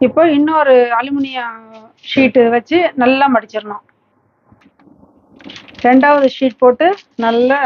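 A woman hosting a home cooking channel, calmly walking through each step and ingredient. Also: high-pitched, dull audio, slight background noise. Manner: calm, instructive, listing ingredients steadily. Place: home kitchen.

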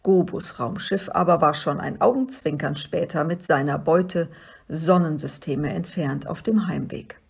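A woman reading a children's story aloud in a calm, expressive way. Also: low-pitched, unhurried, gravelly, husky. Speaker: reader.

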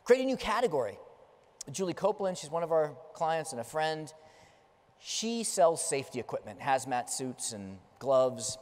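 A middle-aged keynote speaker paces a large conference stage, gesturing as he tells stories with emphasis. His slightly high, slightly mellow voice has a sing-song quality at normal speed, and the big hall adds a long reverb.

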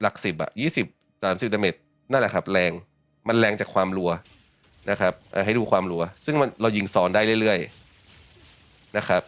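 A man with a fairly low voice talks through a game build at an easy, unhurried pace, full of small filler words. His close desk mic sounds very dry, with no room around it. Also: dry recording. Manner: relaxed, chatty, frequent filler particles. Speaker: gaming channel host. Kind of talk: casual game build walkthrough.

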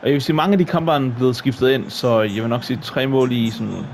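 A man giving excitable, exclamation-filled commentary while he plays a football video game. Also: mid-range voice, creaky, a little hiss or hum. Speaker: gaming YouTuber.

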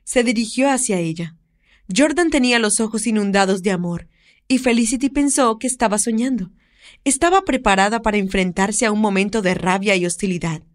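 A woman narrating an audiobook romance in an expressive storytelling read. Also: mid-range voice, fairly quick. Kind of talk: scripted narration.

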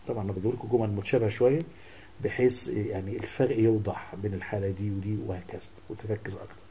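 A young man with an Egyptian Arabic accent, explaining English grammar exercises and quizzing his students, reading English sentences slowly. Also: on the low side, warm tone, slightly rough. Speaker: English teacher.

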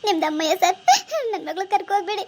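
Woman doing a shrill, fretful village mother. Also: level tone, quick pace, lightly acted. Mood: wailing, pleading. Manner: pleading and sobbing in the dream, bossy when nagging. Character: village mother, middle-aged, anxious, scolding, wailing. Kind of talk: cartoon voice acting.

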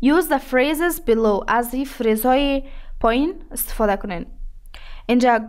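A woman teacher with an Afghan Dari accent and a slightly high voice. She says each example sentence slowly and carefully. She then moves briskly into her explanations. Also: clean tone. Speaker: English teacher. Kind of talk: explaining a language lesson.

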